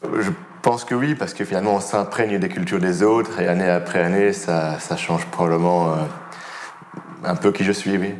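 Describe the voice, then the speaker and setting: Very deep-voiced man. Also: fairly even intonation, normal speed, slight background noise. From Brussels. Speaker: interviewee. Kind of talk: interview answers.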